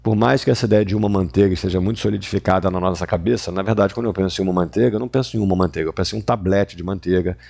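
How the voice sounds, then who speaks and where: A man teaching English grammar to Portuguese speakers, walking through exercises and slowing down to model English words. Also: deep voice, gravelly, a little mellow. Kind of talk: grammar lesson explaining exercises.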